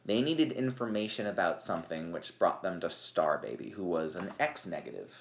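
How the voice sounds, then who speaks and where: A man's voice: sits low, animated, moderate pace, vocal fry, slight background noise. A slightly tipsy man, a podcast guest, chatting casually about his game with lots of fillers and laughs. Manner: rambling, filler-heavy, laughs often. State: a little tipsy. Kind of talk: casual chat. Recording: roomy, dull lo-fi podcast audio.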